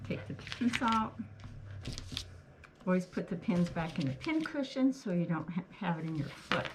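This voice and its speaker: Speaking at a moderate pace through a face mask, this woman has a lowish voice that swings widely in pitch. As a craft tutorial host, she keeps up a homely running commentary during a casual hands-on demonstration, frequently asking "okay". Noise and clicks from handling are clearly audible.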